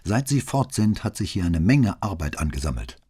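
A curt, insistent middle-aged police commissioner pushing for what he wants , voiced by a man reading an audiobook. The voice is very deep and husky, with a lively rise and fall. His tone stays firm and a little brusque. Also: normal speed, heavily acted.

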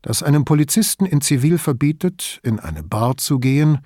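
A man voicing an older male police commissioner who speaks calmly and wryly. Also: fairly high pitch, normal speed, no echo. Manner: calm, dry, wry. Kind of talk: audiobook character voice.

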